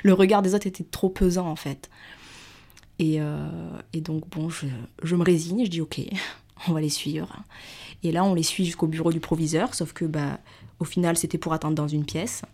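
A woman's voice: sits low, fairly even intonation, moderate pace, mellow. A young adult woman animatedly telling a personal story, acting out the dialogue with chatty fillers.

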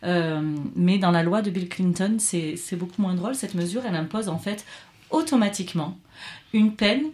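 A woman's voice: lowish voice, moderate pace, a little mellow. A woman co-presenting a radio talk segment in the studio, explaining with a few fillers.

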